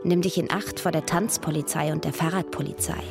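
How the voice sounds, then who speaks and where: A woman reading a documentary voice-over in calm, even studio narration. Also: low voice, a little fast, gravelly, loud music behind the voice. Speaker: voice-over translator.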